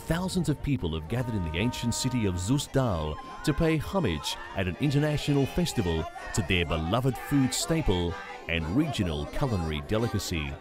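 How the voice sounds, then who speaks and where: A man narrating a scripted news feature in a wry, lively storytelling manner. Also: fairly low pitch, fairly quick. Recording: voice-over over music and crowd sound. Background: music and crowd noise.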